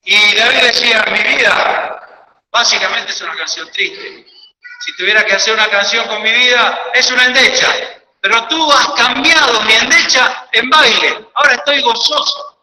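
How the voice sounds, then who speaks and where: A man with an Argentine Spanish accent preaching a sermon, swinging from loud cries to hushed pleading. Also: very high voice, moderate pace. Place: church. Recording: echoey church hall with long reverb.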